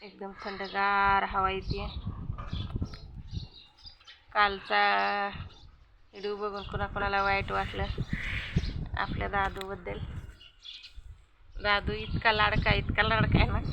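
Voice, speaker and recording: A woman's voice: medium pitch, monotone, unhurried, vocal fry, pauses often, highs cut off. Village vlogger, a woman, talkative and coaxing, filmed on a phone outdoors with wind noise. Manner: chatty, coaxing a small child in a sing-song voice. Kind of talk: casual vlog narration.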